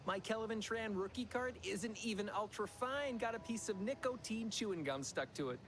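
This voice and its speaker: A jittery corporate clerk from a video game, all folksy chatter and nervous schemes. His voice sits high and runs on quickly, with a faint hiss behind it. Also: expressive, a bit bright. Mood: scheming. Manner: folksy, fast-talking, jittery.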